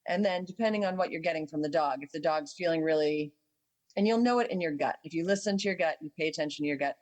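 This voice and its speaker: A woman with a lowish voice talks through dog training in a relaxed, instructive way. She explains step by step, patient and practical, pausing on little ums. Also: poor audio. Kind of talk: casual explanatory chat.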